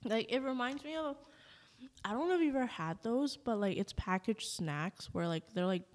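A woman's voice: fairly high pitch, normal speed. A young adult woman casually reviewing food as host while tasting, speaking informally and hesitantly with many "likes". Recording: echoey room with long reverb.

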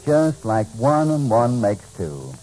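An actor playing a shrewd, self-assured American cowboy hero, measured and commanding, in old-time radio western style. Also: male voice, medium pitch, big pitch swings, darkish tone, slight background noise, rough recording. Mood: confident.

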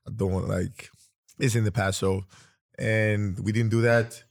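Speaking at a measured pace in a fairly low, creaky voice, this man from Greece hosts a casual podcast interview. In his thirties and with a Greek accent, he is relaxed and rambles through stories, frequently starting over. It's a studio-quality recording without room sound.

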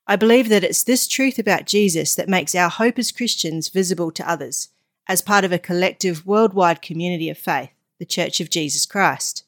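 A middle-aged woman with a New Zealand accent reads a scripted devotional for her podcast. Her voice sits on the low side, and her delivery is measured and earnest, slowing to let important lines land.

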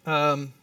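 A male pastor in his thirties delivers a lively sermon and keeps checking in with his listeners. His voice sits high for a man. The sound is dry and picked up from a bit away from the mic. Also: no room sound, distant mic. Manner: animated preaching, frequent "¿sí?" check-ins.

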